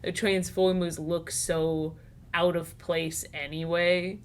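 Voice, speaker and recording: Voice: mid-range voice, little pitch movement, slow. A podcast host in casual chat, laughing often and talking enthusiastically about movies.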